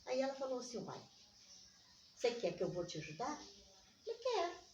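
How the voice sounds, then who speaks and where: An older Brazilian woman with a Minas Gerais accent of Brazilian Portuguese speaks fairly quickly in a high-pitched voice. A community organizer being interviewed, she tells personal stories animatedly in conversation, acting out remembered dialogue. The distant mic yields a dull, echoey sound with faint noise.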